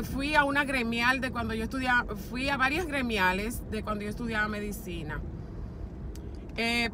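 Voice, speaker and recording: A Dominican woman in her fifties talks to her viewers from behind the wheel, her slightly raised voice easy and unhurried. She speaks with a Dominican Spanish accent and fills her pauses with "este". Her phone is held at arm's length, with clear car and street noise underneath. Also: on the high side. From Dominican Republic. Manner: unhurried, chatty, many fillers like "este". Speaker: vlogger. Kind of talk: casual chat answering viewer questions. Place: inside a car while driving.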